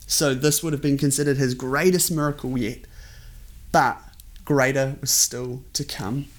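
A man's voice: mid-range voice, steady tone, measured pace. A man with a New Zealand accent giving a conversational sermon as a pastor, earnest and informal, often repeating his phrases. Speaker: pastor preaching to an online congregation.

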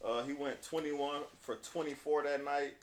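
A man's voice: on the high side, fairly even intonation, moderate pace. Slangy man hosting sports talk in echoey room. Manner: laid-back, slangy bro talk. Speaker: host of a basketball talk show. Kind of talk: casual sports chat with read-out stats and news.

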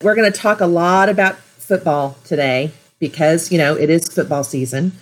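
A woman's voice: deep voice, normal speed, low-quality recording. Chatty woman podcaster in her fifties. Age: 50s. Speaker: podcast host. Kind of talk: podcast introduction and family interview.

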